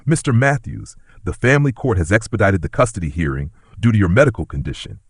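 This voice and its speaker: Man voicing a formal police officer, careful announcement, deep husky voice. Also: big pitch swings, fast, no echo, studio quality, full character voice.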